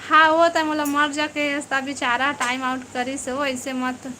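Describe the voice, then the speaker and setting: A woman's voice: high-pitched, flat delivery, unhurried, pushed and bright, a little hiss or hum. A woman with a Chhattisgarhi accent hosting a casual live stream, teasing and bantering with viewers by name.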